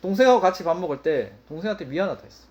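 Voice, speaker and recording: Animated, high-pitched male pastor preaching. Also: racing, lo-fi sound. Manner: animated, emphatic, repeats key phrases. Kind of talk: sermon.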